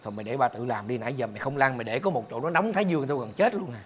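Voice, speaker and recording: An actor with a Southern Vietnamese accent playing a gruff, hot-tempered middle-aged father who scolds and curses loudly. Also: mid-range voice, racing, slight background noise, lightly acted. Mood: grumbling. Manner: shouting, scolding and cursing. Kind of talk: film acting.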